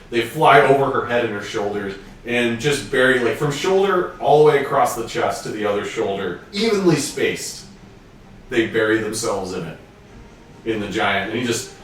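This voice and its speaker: A man's voice: mid-range voice, fairly bright tone, distant mic, slight background noise. A man running a tabletop game, narrating informally and throwing in casual asides. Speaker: game master. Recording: echoey room, off mic, faint music.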